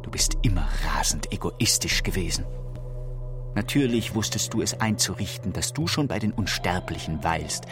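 A man's voice: low voice, close to an everyday voice. An actor playing a proud, tormented, deranged king in a theatrical, declamatory radio play monologue. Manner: theatrical, declamatory, swinging from whispers to outcries.

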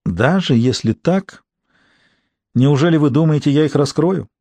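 A man's voice: fairly high pitch, expressive, measured pace, darkish tone, dry recording, pitched above the performer's own voice. A man reading an audiobook, voicing a reserved woman in her sixties who answers in a cool, dryly polite way. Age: 60s.

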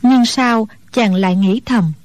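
A woman's voice: a little high, unhurried, no room sound. Woman reading a martial-arts audiobook. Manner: steady storytelling. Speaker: narrator.

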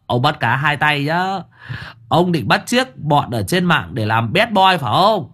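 A man's voice: on the high side, very animated, unhurried, breathy edge, pitched above the performer's own voice, exaggerated voice. A man voicing a bossy young master who nags and scolds sharply. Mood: scolding. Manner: sharp, nagging, exasperated.

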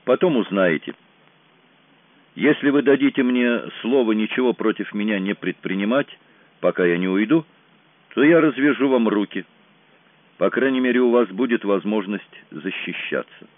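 A man voicing a nervous, grim male kidnapper in a thriller audiobook, speaking in a low, weary, resigned way. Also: expressive, moderate pace, no echo, natural voice. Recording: dry, tinny phone-like sound.

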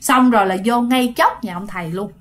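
A woman's voice: a little high, brisk, a little hiss or hum. A woman with a Southern Vietnamese accent telling a ghost story in a chatty way, talking straight to her listeners. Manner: chatty, addressing listeners directly.

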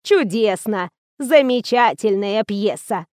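A cracked, wheezing old actress, half-deaf and muddled, as a woman reader puts her on. She fusses and pleads at a slowed, drawn-out pace. The recording is dry and close. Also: medium pitch, expressive, a little mellow, dry recording. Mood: bewildered.

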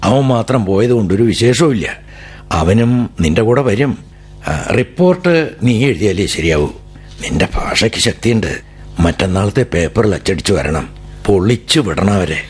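In a radio drama, an actor plays a tired older father who runs a newspaper, sighing wearily as he presses his daughter. His voice is lowish, husky, and animated at a normal speed, heard through a vintage radio broadcast with music.

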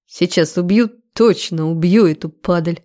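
A woman narrator voices an enraged young man grilling someone he despises. He speaks slowly and threateningly, each word weighed out, in a dark, mellow tone. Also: fairly low pitch, close to an everyday voice. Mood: menacing. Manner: slow, threatening interrogation. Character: furious young man, menacing and cold. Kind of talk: audiobook character voice.

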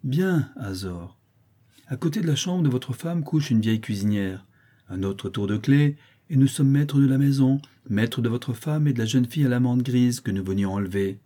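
A man's voice: mid-range voice, animated, normal speed, dark tone, pitched above the performer's own voice, lightly acted. A man voicing a lame, mocking boy who taunts cruelly in a sing-song way. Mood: jeering.

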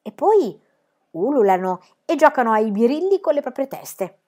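A fearless, cheeky little girl from a storybook, pitched well above her reader's own voice, as a woman reads her. She talks loudly and boastfully, full of high spirits and tall tales. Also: very animated, moderate pace. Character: bold cheerful tall-tale-telling young girl.

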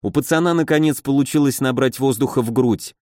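Male narrator for a fantasy audiobook, even and steady, dry close sound. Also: medium pitch, brisk, no echo. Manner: even storytelling, voices characters.

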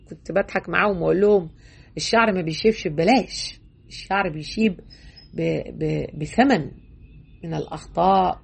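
Fast husky Egyptian woman teaching. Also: medium pitch. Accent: Egyptian Arabic. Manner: colloquial, emphatic, frequent stammered restarts. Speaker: religious lecturer. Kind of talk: religious lesson commentary.

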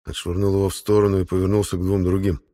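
Audiobook narrator, male, deep and steady, measured delivery. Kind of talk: scripted narration.

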